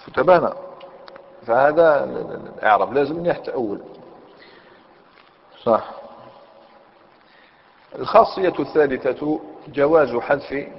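Male grammar teacher, mid-pitched, methodical with frequent questions to the class; dull recording, long hall reverb. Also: moderate pace, creaky, pauses often. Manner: explains step by step, asks students questions. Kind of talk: Arabic grammar lesson.

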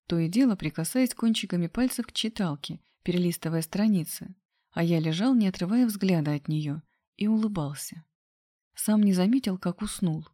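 A woman reading a first-person novel aloud in an even, steady way. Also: lowish voice, no echo, clean studio sound. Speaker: audiobook reader.

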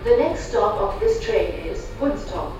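A woman's voice booms from a distant loudspeaker in a train station announcement, heavily echoing across the platform. She speaks slowly and formally at an even middle pitch. Station noise hums clearly behind her. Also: dull audio. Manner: slow, measured, formal phrasing. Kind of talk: recorded platform announcement in German and English. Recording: echoey loudspeaker from far off in a station. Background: station ambience and noise.

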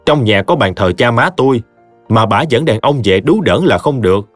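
A man's voice: mid-range voice, expressive, moderate pace, dry recording, soft background music, lightly acted. A man voicing a resolute young woman, a wronged stepdaughter, speaking firmly and cuttingly. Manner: firm and cutting.

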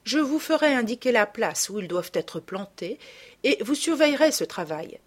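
A woman voicing a kind, refined mother who speaks calmly and tenderly. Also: on the high side, normal speed, breathy edge, pitched above the performer's own voice. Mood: polite. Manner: calm, tender and polite.

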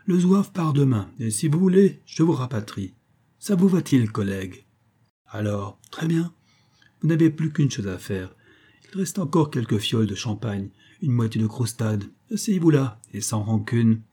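A man's voice: medium pitch, animated, normal speed, warm tone, husky. A man reading the part of a jovial, mocking middle-aged sea captain in an audiobook. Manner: laughing, mocking, familiar.

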